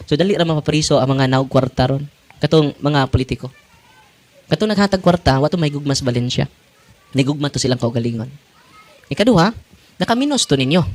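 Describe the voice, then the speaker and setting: Priest, 40s, animated sermon with laughs, highish and very lively. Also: male voice, fairly quick, long pauses. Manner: animated, laughing, switching languages. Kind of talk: sermon to parishioners.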